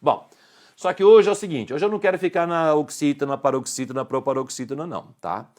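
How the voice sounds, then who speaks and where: This middle-aged man's voice is a little high, fairly quick and somewhat dark in tone, with a Brazilian Portuguese accent. He's teaching grammar online, explaining rules and asking the viewer brief checking questions.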